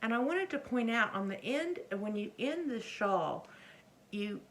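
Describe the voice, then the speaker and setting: A woman's voice: fairly high pitch, expressive, measured pace, a bit bright. A middle-aged woman casually showing her things to camera as a vlogger, speaking hesitantly and often trailing off or correcting herself. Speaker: crochet vlogger. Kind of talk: casual rambling show-and-tell to camera. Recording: faint background noise, occasional chair creaks.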